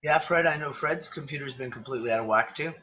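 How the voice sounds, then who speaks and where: With a mid-range, quick, pushed and bright voice heard through dull audio, a man hosts a casual livestream chat via a computer mic on a video call. He is losing his voice and sniffling, and he rambles exclamatorily while swearing freely.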